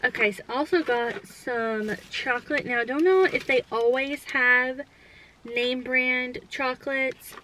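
Sitting in her parked car, this Southern vlogger in her thirties talks casually through her shopping haul, calling viewers y'all in a friendly, chatty way. Her high voice sounds bright and pushed, yet she speaks unhurriedly. The dashboard camera captures low-quality audio with some background noise.

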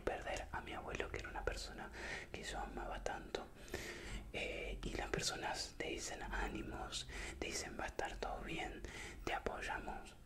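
A young man with a Latin American Spanish voseo accent gives a soothing, repetitive, encouraging whispered pep talk in the style of motivational ASMR, close to the microphone. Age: young adult. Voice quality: breathy unvoiced whisper. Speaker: ASMR creator. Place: small indoor room with bare wall. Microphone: desk microphone up close.

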